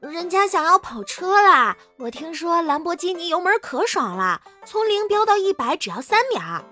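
A spoiled young girlfriend, voiced by a woman, with a very high, bright voice. She pleads coyly and drags her words out. Her pitch swings up and down as she whines. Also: very animated, faint music behind, exaggerated voice. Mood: coy pleading. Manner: coy, pleading, drawn-out.

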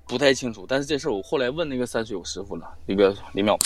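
A man tells a spooky story at a quick clip. His pitch swings widely as he acts out what people said, swearing freely along the way. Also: noisy background. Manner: swearing, animated retelling with quoted dialogue. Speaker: storyteller guest on a live-stream show. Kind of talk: casual spoken ghost story.

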